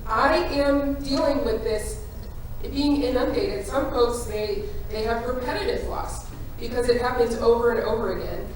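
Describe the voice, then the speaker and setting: A woman's voice: fairly high pitch, normal speed, a little mellow. A woman from Philadelphia speaking on a panel as a community advocate, talking conversationally with many hesitant fillers. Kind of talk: panel discussion. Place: public event hall. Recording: echoey hall, distant mic, faint noise.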